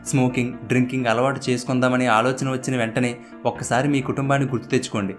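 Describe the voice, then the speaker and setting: A man's voice: mid-range voice, flat delivery, quick pace. A man giving scripted narration in a plain, advisory tone. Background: faint guitar music.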